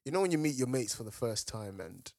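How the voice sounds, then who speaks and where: A young man with an urban London roadman accent, telling stories in casual, slangy banter with animated reactions and repeated phrases. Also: medium pitch, fast, dry recording, studio quality. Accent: London, urban roadman slang style. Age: young adult.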